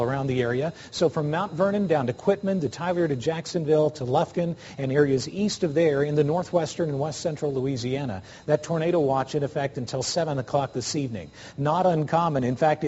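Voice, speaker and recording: An American man gives formal, measured weather commentary on live TV. His voice is dark and soft-edged, a little high for a man. The sound is dull, with a long reverb. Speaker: TV weather forecaster. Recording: dull, reverberant broadcast with faint noise.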